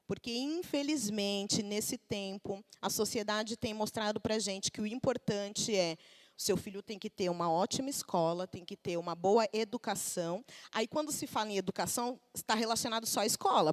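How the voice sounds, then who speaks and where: A Brazilian woman in her thirties preaching a sermon at a church service, talking conversationally with the congregation and acting out everyday quotes. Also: mid-range voice. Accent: Brazilian Portuguese.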